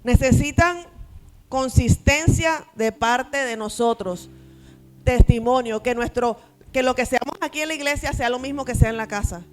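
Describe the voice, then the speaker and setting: A woman's voice: high voice, moderate pace, faint music behind. A middle-aged woman pastor preaching an emphatic sermon to her congregation, acting out short family dialogues as she goes.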